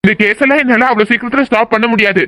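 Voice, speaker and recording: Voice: medium pitch, pushed and bright, no echo, natural voice. A performer voicing a headstrong, defiant young male doctor who speaks assertively. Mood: firm. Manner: assertive, quick. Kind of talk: audio drama acting.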